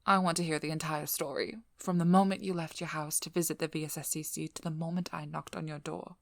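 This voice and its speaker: This is a scripted ASMR audio drama in which an actress plays a cunning, vigilant female vampire hunter speaking to the listener, flirty at first and then businesslike. Her voice is lowish, breathy and playfully domineering, with a level tone and a fast pace, teasing and coolly controlling in a cool, probing mood. The recording is very dry with no room sound.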